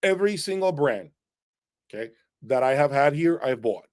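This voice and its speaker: The host of an audio review channel talks off the cuff on a livestream, responding to viewers with strong, emphatic opinions and a habitual "okay?". He has a mid-range, slightly mellow voice, animated but at normal speed.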